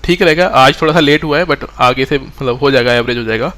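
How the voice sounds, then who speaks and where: A man's voice: mid-range voice, fairly quick, a bit bright. A man teaching a live online exam-prep class, mixing English terms into Hindi and often checking that students follow.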